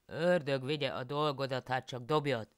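A woman voicing a grumbling peasant husband in a folk tale, with loud, scolding exclamations. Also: a bass voice, steady tone, no echo, clean studio sound, voice pushed up. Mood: exasperated.

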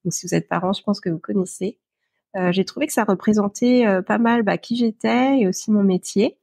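A woman, a podcast guest who talks with many pauses and fillers. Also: mid-range voice, gravelly, warm tone, dry recording, clean studio sound. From Paris, France. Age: 40s. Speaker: interview guest. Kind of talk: podcast interview.

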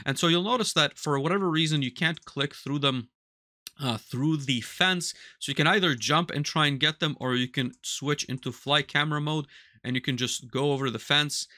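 Speaking into a headset in a compact workshop full of control panels, an automation instructor in his thirties methodically narrates each step of a screen-recorded software tutorial. His voice is on the high side, and the recording is dry and of studio quality.

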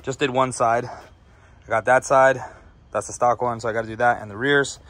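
A man's voice: medium pitch, normal speed. Laid-back young man vlogging outdoors. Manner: relaxed, chatty, addresses viewers as "boys". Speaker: car vlogger. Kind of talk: casual vlog chat. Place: outdoors by a car in hot weather. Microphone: handheld camera.

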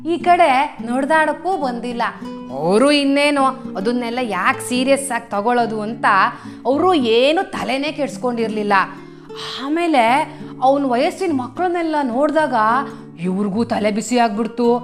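A woman acting a meddling middle-aged visitor in a comic home skit, falsely sympathetic and chatty, always adding "amma". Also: high voice. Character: meddling middle-aged woman visitor who loves making others cry. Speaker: comedy skit performer.

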